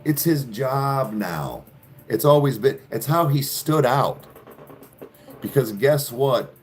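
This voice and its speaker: A man's voice: mid-range voice, expressive, takes it slowly, faint music behind. A man hosting a podcast, ranting sarcastically in casual chat with plenty of profanity. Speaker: podcast host. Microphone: studio podcast mic.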